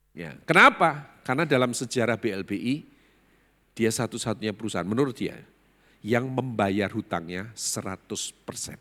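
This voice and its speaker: A man's voice: fairly low pitch, pushed and bright. A man preaching a sermon, telling a story dramatically and acting out the people in it while calling on the congregation. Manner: dramatic, voices quoted characters, addresses congregation as saudara. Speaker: pastor. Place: large church hall. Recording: long reverb of a church hall.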